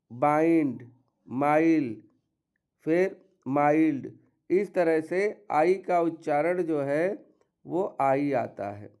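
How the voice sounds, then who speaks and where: Male teacher, lesson voice, mellow tone, fairly high pitch. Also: clear, resonant tone. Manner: slow, explaining rules step by step with word examples. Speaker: English teacher. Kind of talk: classroom-style pronunciation lesson.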